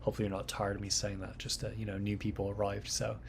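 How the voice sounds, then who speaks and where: The voice is lowish and monotone, delivered fast with vocal fry, and the background is noisy. It belongs to a young man, a mixing engineer hosting a live mixing stream, who chats casually and rambles with lots of fillers and repeated words.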